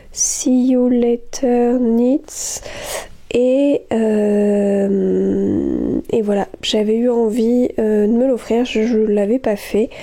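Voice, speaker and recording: Chatting casually from home about her knitting, this woman gushes often while stumbling through fillers, hesitations, and restarts. She has a slightly high, mellow voice.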